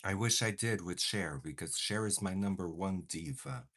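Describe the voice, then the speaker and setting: A young male beauty vlogger, a native Portuguese speaker, chats casually while doing his makeup, breaking into dramatic mock outrage now and then. His voice is deep and fairly bright, at a normal speed.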